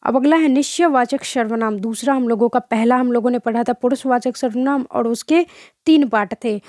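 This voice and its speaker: Young woman, grammar teacher, mellow higher voice, rhetorical questions, self-corrections. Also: moderate pace, no room sound, clean studio sound. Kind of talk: online grammar lesson.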